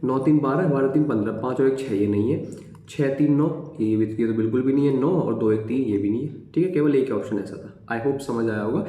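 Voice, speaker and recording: A man's voice: medium pitch, a little fast, dark tone, roomy sound. A man teaching an exam-prep maths lesson in a conversational way, counting digits aloud and checking in with his students constantly.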